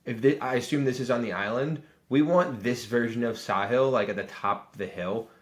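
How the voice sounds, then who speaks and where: A man's voice: medium pitch, brisk. A man giving a casual critique of a video, talking loosely with lots of "like" fillers and restarts. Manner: rambling, heavy on filler "like" and restarts. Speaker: YouTube strategy reviewer.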